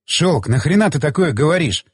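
A man's voice: a little high, expressive, brisk, darkish tone, breathy edge, no room sound, studio quality, big-room sound. Man doing a blunt, direct young man. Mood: arguing.

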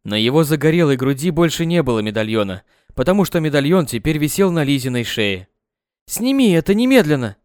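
A man narrating an audiobook with an expressive reading on a close mic. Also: medium pitch, fast, hardly any pauses, clear, resonant tone, dry recording.

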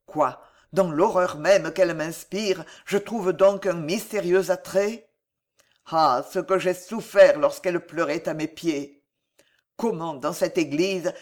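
A brooding, tormented monk speaks in a somber, muffled voice, as a woman reads him. He is read slowly and weightily for an audiobook, and his voice sits low and close to the reader's own. He sounds heavy and inward. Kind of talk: audiobook reading.

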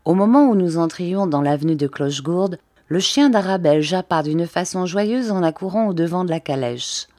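Brief: woman audiobook narrator, low and mellow, measured literary reading, dry close mic. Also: lively intonation, no echo. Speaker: audiobook reader.

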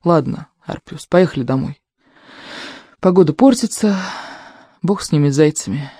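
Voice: mid-range voice, lively intonation, moderate pace, dark tone, no room sound, studio quality. An audiobook reader voicing an earnest young prince in plain, direct speech. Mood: wry. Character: young male prince, hunter. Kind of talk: audiobook character voice.

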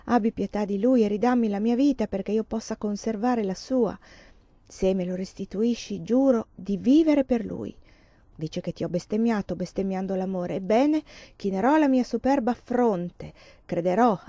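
A mournful young woman torn by doubt and longing for death, read by a woman narrator. The tone is mellow and soft-edged, and the sound is dry and a little dull. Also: medium pitch, moderate pace, dry recording, natural voice. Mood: pleading.

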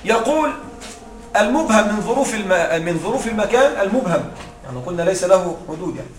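High-voiced man teaching grammar. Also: sing-song, fast talker. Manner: explains with examples and quizzes students. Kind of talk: classroom grammar lesson. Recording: echoey room with faint noise.

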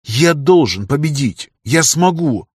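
A man's voice: a little high, animated, moderate pace, breathy edge, dry recording, clean studio sound, voice pushed up. A man voicing a stubborn, wounded male arena fighter who answers defiantly through gritted teeth, in an audiobook.

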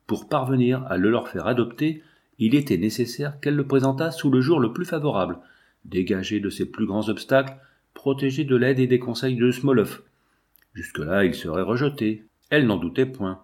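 Male narrator for a classic novel audiobook, measured and solemn. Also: mid-range voice, animated, a little mellow.

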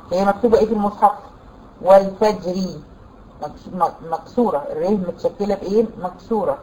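A woman with an Egyptian Arabic accent teaching a tajweed lesson, explaining rules patiently, quizzing her students and reciting examples slowly. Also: medium pitch, mellow, slight background noise, rough recording. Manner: quizzes students with rhetorical questions.

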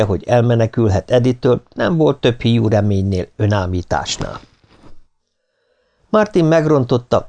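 A man narrating an audiobook with an expressive, dramatic reading. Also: medium pitch, creaky.

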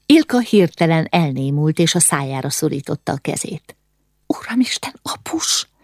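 A woman's voice: sits low, animated, vocal fry, a little mellow, no room sound, studio quality. A woman reading a novel aloud as an audiobook narrator, voicing the dialogue with urgent, rising lines in tense moments. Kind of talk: scripted narration.

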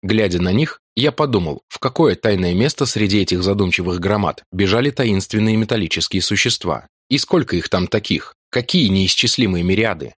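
Male narrator, low voice, dry close sound, measured storytelling. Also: animated, husky, no room sound. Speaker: audiobook narrator. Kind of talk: scripted narration.

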